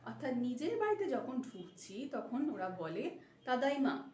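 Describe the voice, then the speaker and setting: A woman teaching a casual language lesson, explaining step by step and repeating phrases slowly. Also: a little high, sing-song, darkish tone. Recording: echoey room with faint noise.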